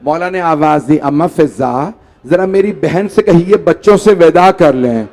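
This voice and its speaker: High-voiced man in a grieving sermon. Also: lively intonation, measured pace, darkish tone. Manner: pleading with the audience, voice rising into wailing lament. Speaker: preacher. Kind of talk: mourning sermon recitation. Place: large hall.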